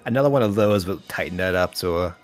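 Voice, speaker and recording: A man's voice: low voice, lively intonation, fast, soft background music. A man co-hosting a casual chat, sarcastic and swearing often, laughing a lot. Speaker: podcast co-host.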